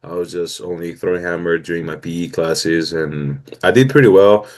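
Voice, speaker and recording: Sitting low and a little mellow, his voice moves at a normal speed. He's a Greek-accented athlete in his twenties from Greece, a guest recounting his story with upbeat earnestness in a casual interview.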